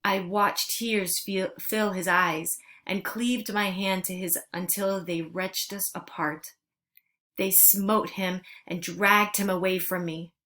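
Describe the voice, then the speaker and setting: Woman narrator for a storybook read-aloud, steady and earnest in her delivery. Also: mid-range voice, takes it slowly.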